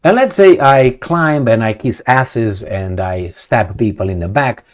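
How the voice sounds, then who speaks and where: A man's voice: mid-range voice, a little slow. A man from Romania, giving a rambling opinion monologue to camera, full of rhetorical questions and repetition. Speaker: video commentator.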